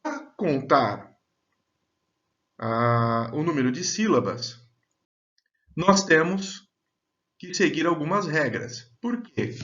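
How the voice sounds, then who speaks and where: A man teaching a grammar lesson, speaking slowly and deliberately and drawing out example words. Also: fairly high pitch, sing-song, a bit bright. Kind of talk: slow, clear grammar lesson. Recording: dull, lo-fi sound.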